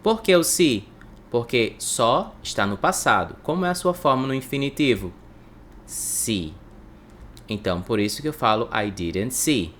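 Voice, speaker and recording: A man gives an English lesson in Portuguese, drilling each word slowly and repeating it for his students. His pitch swings widely as he stresses words. A faint noise sits under the recording. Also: expressive, a bit bright. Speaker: English teacher.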